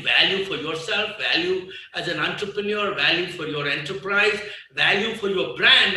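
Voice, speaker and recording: A man in his sixties with a Nepali accent gives a guest speech at a business conference. His voice is bright and forceful, a little raised in pitch, and he drives his points home by repeating them between hesitant fillers. He is picked up from some way off the mic, with a heavy hall echo. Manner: emphatic, repeats key phrases, pauses with fillers. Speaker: business leader, guest speaker. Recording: echoey hall, voice far from the mic.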